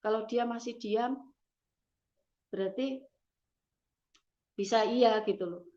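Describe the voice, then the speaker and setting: Halting woman, fairly high voice. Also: warm tone, muffled recording. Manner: halting, emotional, frequent "gitu loh". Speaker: testimony giver. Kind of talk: personal testimony.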